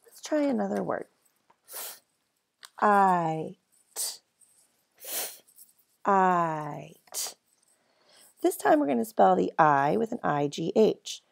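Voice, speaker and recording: A woman's voice: lowish voice, very animated, vocal fry. A woman teaching a phonics lesson to first graders, stretching out each sound and cheering the children on. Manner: slow, exaggerated sounding-out of letters and words; cheerful, encouraging teacher talk.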